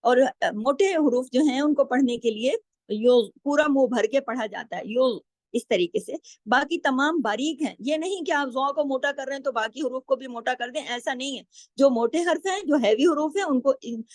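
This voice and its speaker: A woman teaching the rules of Quran recitation, patiently explaining step by step and slowly drawing out example words. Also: high-pitched, darkish tone, dry recording. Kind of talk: tajweed lesson with slow drawn-out example recitation.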